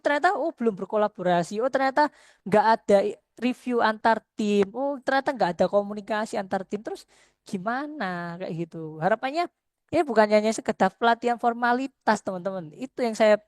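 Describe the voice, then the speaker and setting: A woman's voice: mid-range voice, no echo, clean studio sound. A middle-aged woman, a lecturer, giving a conversational workshop talk to students, earnest and repeating points for emphasis.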